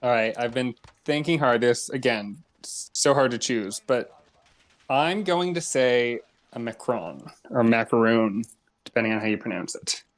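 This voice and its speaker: A man's voice: mid-range voice, moderate pace. Thoughtful male podcast co-host. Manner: thoughtful, explains at length. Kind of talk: casual chat.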